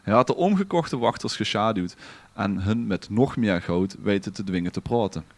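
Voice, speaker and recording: Dry recording captures an animated, lowish male voice at a moderate pace. The speaker is a podcast storyteller with a Limburgish Dutch accent, performing a scripted story dramatically and theatrically, in a literary vein.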